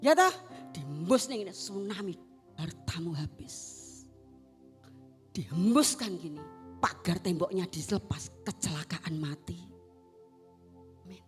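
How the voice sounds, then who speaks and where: A woman with a Javanese accent preaching a sermon, swinging between loud exhortation and hushed asides. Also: fairly low pitch, expressive, a little slow, pauses often, faint music behind. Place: church service.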